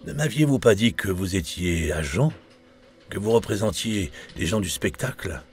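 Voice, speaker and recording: A man reading the part of a calm, probing male French police inspector, asking measured, polite questions. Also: low-pitched. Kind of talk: audiobook character reading.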